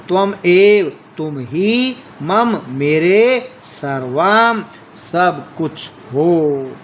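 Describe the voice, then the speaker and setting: A man's voice: fairly high pitch, slight background noise. A man teaching a Sanskrit lesson, reading lines aloud and then explaining them. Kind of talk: classroom explanation.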